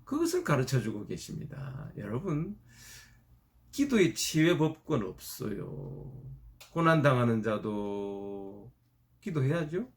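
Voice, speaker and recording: Animated, gravelly-voiced male preacher. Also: medium pitch, slow pace. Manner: animated storytelling. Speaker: pastor. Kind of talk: sermon.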